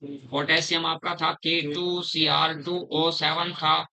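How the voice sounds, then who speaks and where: A middle-aged man teaching a chemistry class, slowly repeating terms, quizzing his students and calling them "beta". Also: fairly high pitch, level tone, gravelly, sharp tone, rough recording. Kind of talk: classroom lecture.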